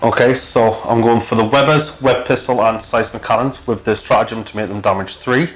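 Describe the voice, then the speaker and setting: A man's voice: mid-range voice, steady tone, brisk, poor audio. Terse man talking through a tabletop game. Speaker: tabletop wargame player. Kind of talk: casual game talk.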